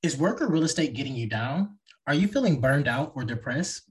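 A man with a husky voice hosting a podcast and reading announcements to listeners. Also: mid-range voice, expressive, brisk. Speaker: podcast host.

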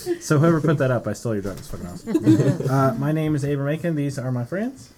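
A man's voice: a little high, big pitch swings, fast talker, a loud crowd. A man hosting a podcast with his friends, talking loosely and joking, swearing now and then. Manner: loose and jokey, swears freely. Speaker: podcast host. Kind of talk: casual chat.

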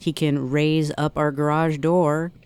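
A woman's voice: low voice, little pitch movement, measured pace, a little mellow, clean tone. A woman contestant chatting about home life in a quiz game. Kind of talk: casual chat.

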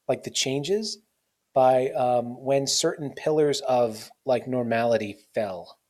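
A podcast host in his forties chats through a casual interview in a rambling, self-mocking way, full of fillers. His medium-pitched voice is a little mellow, and he takes things slowly.

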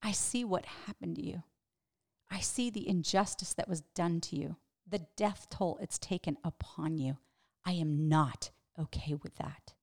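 A woman voicing a gentle, compassionate male teacher who speaks in a soft, slow, tender hush. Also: fairly low pitch.

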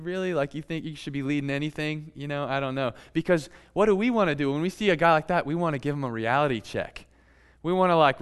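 A man preaching a sermon in a relaxed, conversational way, with playful asides to his congregation. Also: fairly high pitch, clean tone. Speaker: pastor.

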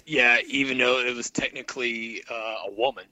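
A man co-hosting a casual podcast with dry, deadpan humor. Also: medium pitch, normal speed, no echo, highs cut off. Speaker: podcast co-host.

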